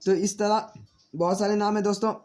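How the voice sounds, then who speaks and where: A man teaching a spelling lesson, spelling names out slowly letter by letter and answering his own questions as he addresses viewers as friends. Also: high voice, little pitch movement, darkish tone.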